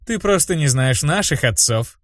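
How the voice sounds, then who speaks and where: A man voicing arrogant, greedy male mages who taunt students with a slow, mocking drawl. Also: on the high side, expressive, no echo, studio quality, voice pushed up. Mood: sneering. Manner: slow, drawn-out, mocking delivery.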